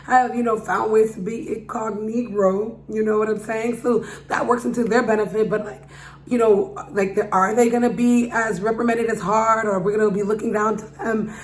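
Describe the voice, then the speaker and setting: A woman's voice: fairly high pitch, steady tone, normal speed. Harsh-edged woman vlogger in an echoey room. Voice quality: slightly harsh from raised voice. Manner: speaking loudly to be heard; informal, slangy, rhetorical questions to viewers. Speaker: vlogger giving opinion. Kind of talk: casual opinion monologue to camera. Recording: roomy echo with background hum.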